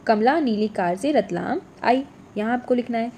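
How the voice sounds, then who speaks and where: A woman teaching a workbook lesson to young children, slow and clear, repeating each letter and word. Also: a little high, animated, warm tone, a little hiss or hum.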